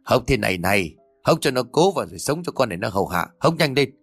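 A vicious, shrieking daughter-in-law in a spoken family drama story, as a male storyteller puts her on. She spits every word with scorn, her pitch lurching up and down. The recording is close and dry. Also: very animated, quick pace, breathy edge, dry recording, faint music behind. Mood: venomous scolding. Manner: scolding, venomous, shouting. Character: cruel shrill daughter-in-law, woman, middle-aged.

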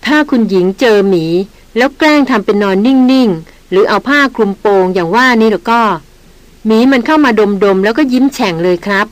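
A woman's voice: mid-range voice, expressive, fairly quick, no echo, natural voice, poor audio. Woman playing veteran male hunter, polite, patient, teasing, dry close audio. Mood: amused. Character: seasoned male jungle hunter, calm and amused.

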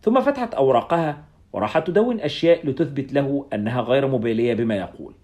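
A man's voice: medium pitch, lively intonation, fast, darkish tone. A man reading a first-person story aloud in a scripted audiobook narration.

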